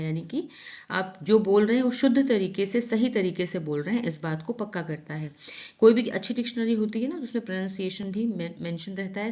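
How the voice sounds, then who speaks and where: A woman teaching vocabulary in Hindi, reading sentences slowly and explaining each word with repeated translations. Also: medium pitch. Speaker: English teacher. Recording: dull lo-fi recording.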